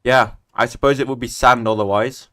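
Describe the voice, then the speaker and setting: He's a twenty-something streamer with a mid-range, fairly bright voice that stays steady and moves a little fast. Playing Minecraft, he chats and rambles with self-deprecating humor, mumbling to himself as he enters commands.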